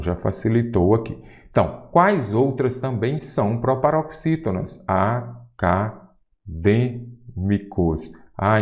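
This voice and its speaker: A man's voice: lowish voice, a little mellow. A man from Brazil teaching an exam-prep grammar lesson, asking rhetorical questions and stressing key words.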